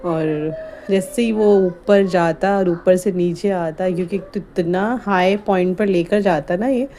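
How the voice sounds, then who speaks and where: A woman narrating her home vlog as a chatty voice-over, rambling and animated, often breaking into laughs. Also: on the low side, slow, a little hiss or hum. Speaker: home vlogger. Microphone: voice-over recorded while editing.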